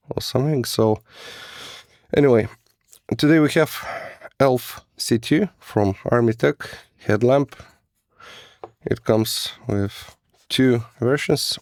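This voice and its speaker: A man who says he is still sick, giving a casual, halting product review of a flashlight. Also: fairly low pitch, creaky, a little mellow, no echo, clean studio sound. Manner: hesitant, halting, non-native phrasing. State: sick, rough voice.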